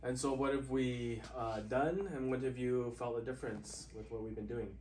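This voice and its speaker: A doctor hosting an interview, asking a patient questions in a conversational way with loose phrasing. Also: male voice, medium pitch, steady tone, normal speed, a little mellow, a little hiss or hum. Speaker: doctor and host. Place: clinic room. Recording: roomy, slightly distant mic.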